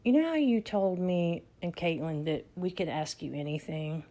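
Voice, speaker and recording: A woman's voice: lowish voice, normal speed, warm tone, close to an everyday voice. Lady doing a little boy acting all serious and innocent, sneaky underneath. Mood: earnest. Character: mischievous young boy playing serious.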